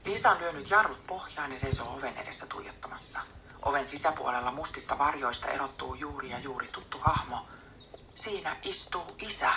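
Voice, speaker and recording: Woman reader, whispered storybook narration, very low gravelly voice, faint hiss. Casting note. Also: lively intonation. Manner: soft unvoiced whisper. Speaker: audiobook reader.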